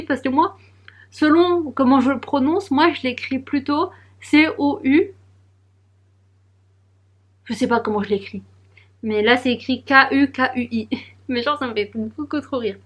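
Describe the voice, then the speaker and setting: A young woman vlogging casually, chatting and giggling as she unboxes and rambles aloud. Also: a little high. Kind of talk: casual vlog chat.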